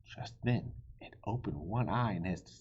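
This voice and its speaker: A man reads a children's storybook aloud at a measured pace, his very husky, breathy voice moving expressively in pitch. The recording sounds slightly muffled.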